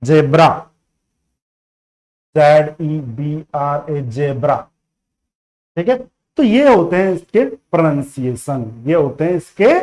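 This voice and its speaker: A man's voice: a little high, darkish tone. A man teaching beginner phonics, repeating each letter sound again and again and checking in often. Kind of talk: beginner phonics lesson in Hindi.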